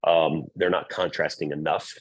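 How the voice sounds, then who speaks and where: Blunt husky-voiced man giving a talk. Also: extremely low pitch, normal speed. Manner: blunt, repetitive, animated with quoted asides. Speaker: volleyball club presenter. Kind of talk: parent orientation talk.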